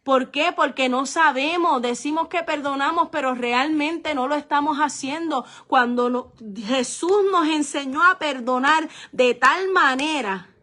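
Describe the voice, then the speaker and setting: A woman pastor preaching with a high voice. Her tone is bright and forceful. She speaks earnestly to her listeners as brothers and often drops to a soft, slow delivery. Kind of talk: testimony sermon.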